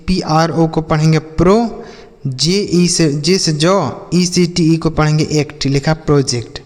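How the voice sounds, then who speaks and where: A man teaching English reading. He spells words out letter by letter, asks what they say and repeats the answer. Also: on the high side. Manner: calls viewers children and brother. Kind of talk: spoken English reading lesson. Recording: long hall reverb.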